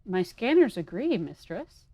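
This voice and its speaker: A woman voicing a stiff robot servant in a flat, mechanical monotone while reading game dialogue aloud. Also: mid-range voice, unhurried, no echo. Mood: deadpan.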